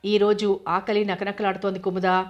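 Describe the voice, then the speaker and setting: A woman's voice: mid-range voice, little pitch movement, moderate pace, muffled recording, close to an everyday voice. A woman reading the lines of an earnest young village husband standing in an election, speaking in an affectionate, pleading way. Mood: tender.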